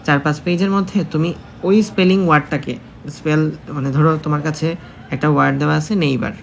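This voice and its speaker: Male exam tutor, quick and a bit high-voiced, chatty lesson, faint hiss behind. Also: fairly even intonation, gravelly. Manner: chatty, repeats key points, addresses student directly. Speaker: exam prep teacher. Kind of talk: casual spoken lesson.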